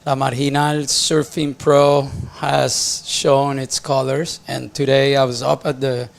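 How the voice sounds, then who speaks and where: A man's voice: medium pitch, flat delivery, takes it slowly, vocal fry. A man offering casual live commentary as a surf contest announcer and local expert.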